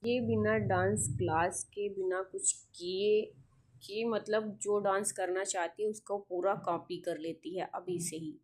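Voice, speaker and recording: A young woman telling family stories in a casual home vlog, chatty and quick to laugh. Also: medium pitch, steady tone, a little mellow. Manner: chatty, giggly storytelling. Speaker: vlogger. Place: at a relative's home.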